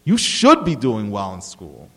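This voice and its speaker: A man's voice: lowish voice, wildly swooping pitch, a little slow, pushed and bright, long reverb tail, exaggerated voice. A man reading the lines of a stern mother scolding her son. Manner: firm, stern.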